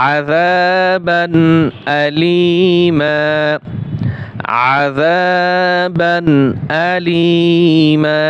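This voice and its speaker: A male Quran teacher with a Bangladeshi Bengali accent, his voice sitting a little high, spelling out each letter with great slowness and stretching recited words. He quizzes himself as he goes, and faint traffic sounds drift in behind him. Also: highs cut off. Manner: asks and answers his own questions. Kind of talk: slow spelling-out Quran lesson.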